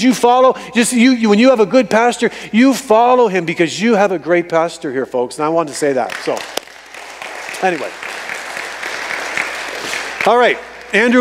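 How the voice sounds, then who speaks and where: A fifty-four-year-old guest preacher with a high-pitched voice delivers an animated sermon from the stage of a large church sanctuary, repeating phrases for emphasis before the congregation. The hall is reverberant, and there's a little hiss or hum.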